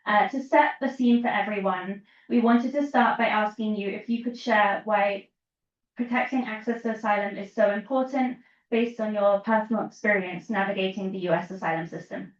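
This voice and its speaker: A woman's voice: medium pitch, moderate pace. A woman moderates a panel and asks polite questions with a few fillers. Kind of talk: hosting a panel discussion. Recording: echoey, distant, dull sound.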